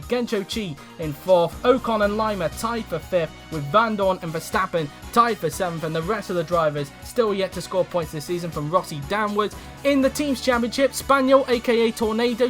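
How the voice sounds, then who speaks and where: A man commentating a sim racing league race, calling overtakes with rising excitement and then reading out the results. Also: high voice. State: out of breath.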